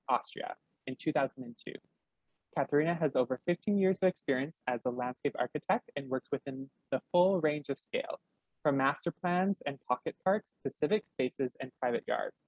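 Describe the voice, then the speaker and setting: A man's voice: mid-range voice, no room sound, low-quality recording. A man hosting an online gallery program, reading a formal, scripted introduction. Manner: scripted and formal, with a slight stumble. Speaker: public program coordinator and host. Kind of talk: read introduction.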